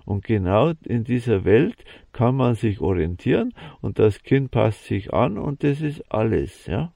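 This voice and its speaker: Man for a slow-paced spiritual monologue, halting delivery, dry close sound. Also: mid-range voice, sing-song, gravelly, dark tone, dry recording. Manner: halting, many fillers and repeated "ja"; slow, ponderous musing.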